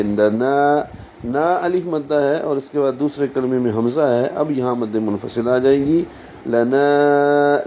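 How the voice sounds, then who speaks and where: A man teaching Quran recitation, explaining each letter slowly and deliberately, and sounding out syllables as models. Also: medium pitch, mellow. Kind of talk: tajweed lesson, explaining pronunciation. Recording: dull, slightly muffled sound with faint hiss.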